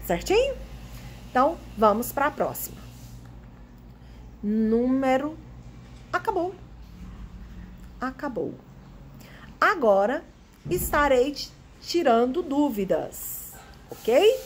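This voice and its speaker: A woman's voice: high-pitched, big pitch swings, slow, pauses often, a little hiss or hum. A woman teacher explaining a lesson, reading passages aloud and asking the class rhetorical questions. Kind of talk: online Portuguese lesson.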